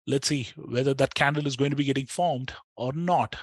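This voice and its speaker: A man's voice: mid-range voice, brisk, breathy edge, dry recording, studio quality. A man with an Indian accent giving live trading commentary as a streamer, talking conversationally and straight to his viewers.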